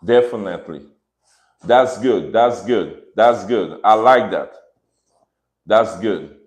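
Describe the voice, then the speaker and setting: Streaming casually from home, surrounded by his dogs, this dog breeder from Dominica who grew up in Saint Martin talks with a Caribbean accent. His fairly low voice moves slowly, earnest and reflective, circling back over phrases and frequently asking "right?". The recording has an echoey room sound.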